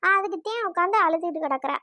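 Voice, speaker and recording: A voice actor playing a quick-tempered mother in a cartoon, scolding and exasperated. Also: very high-pitched, lively intonation, pushed and bright, no room sound, pitched below the performer's own voice, heavily acted. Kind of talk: cartoon voice acting.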